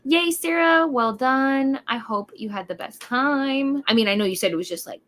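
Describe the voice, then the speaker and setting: Bubbly, rambling woman host, bright voice. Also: high-pitched, moderate pace. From Wisconsin. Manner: chatty, bubbly, rambling with many fillers. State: over-caffeinated and hyper. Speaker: livestream host. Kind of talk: casual livestream chat.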